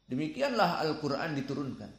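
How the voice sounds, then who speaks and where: A man giving a religious lesson, speaking slowly and deliberately and sounding out Arabic syllables. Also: a little high, very animated, reverberant. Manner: slow, deliberate, demonstrates Arabic sounds aloud. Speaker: Quran recitation teacher.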